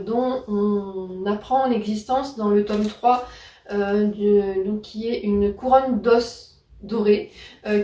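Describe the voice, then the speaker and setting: A woman's voice: on the high side, darkish tone. A woman chatting casually about her new books, with many fillers and self-corrections. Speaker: book YouTuber. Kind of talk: casual book haul vlog. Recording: roomy, distant mic.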